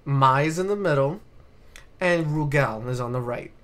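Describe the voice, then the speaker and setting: Ranting in a casual chat about movies, a man hosting a podcast leans on exasperated emphasis, repeats himself and swears loosely. He speaks at a normal speed in a mid-range, somewhat bright voice.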